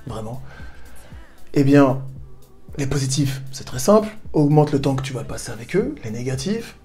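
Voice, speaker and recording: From his home in southern Spain, a man hosts a self-help video, coaching the viewer straight to camera in a casual, direct manner with playful asides. His mid-range voice is sing-song and darkish, at a moderate pace, with faint music behind him.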